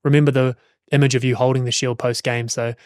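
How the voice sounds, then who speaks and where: A man's voice: mid-range voice, level tone, fast talker, dry recording, studio quality. A man hosting a casual interview in a chummy, encouraging way. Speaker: podcast host.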